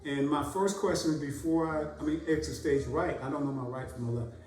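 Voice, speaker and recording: A casual podcast host speaks in a voice on the high side, a little mellow and fairly even in tone. He stops and starts, dropping "uh" again and again. The audio sounds roomy, as if the mic is set far away.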